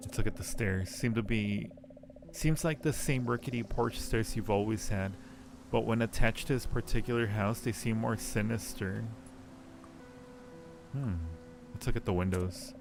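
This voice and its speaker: A man with a fairly low, creaky voice speaks at a moderate pace against a noisy background. He's live streaming a game, reading out its text and casually chatting with viewers as he muses, with music behind him.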